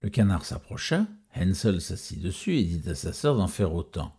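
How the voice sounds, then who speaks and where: Deep, husky male fairy-tale narrator. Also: big pitch swings, moderate pace, mellow. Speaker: storyteller.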